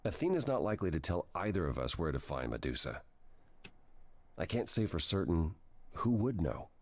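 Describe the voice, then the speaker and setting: Apollo, super deep husky god voice, swoops around a lot, dramatic and cagey. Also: male voice, big pitch swings, exaggerated voice. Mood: guarded. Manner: measured, evasive and theatrical. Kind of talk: voiced game dialogue.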